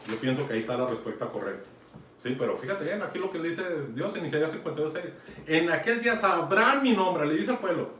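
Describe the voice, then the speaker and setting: A man preaching a sermon in a conversational teaching manner, often checking in with his listeners. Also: mid-range voice. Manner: conversational teaching, keeps asking "¿sí?" and urging "fíjate bien". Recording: echoey room, mic far off, some noise.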